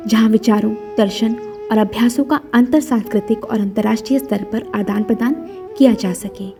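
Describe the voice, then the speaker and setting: A woman giving formal, measured scripted narration for a government podcast. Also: on the high side, dark tone.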